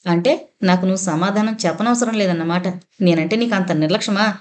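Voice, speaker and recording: A woman reading out the lines of a furious young husband in an audio novel, delivered fast and hard. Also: medium pitch, close to an everyday voice.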